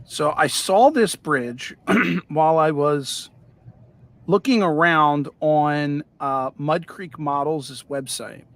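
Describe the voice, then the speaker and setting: A man hosts a casual model railroading livestream, rambling in a relaxed way with plenty of fillers while he paints. His voice is fairly high and he takes things slowly.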